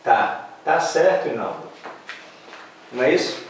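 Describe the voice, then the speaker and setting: Slow Brazilian teacher in echoey room. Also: male voice, on the high side, expressive, slight background noise. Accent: Brazilian Portuguese. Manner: slow, questions and answers himself, stresses syllables. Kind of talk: grammar lesson. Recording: echoey room, mic at a distance.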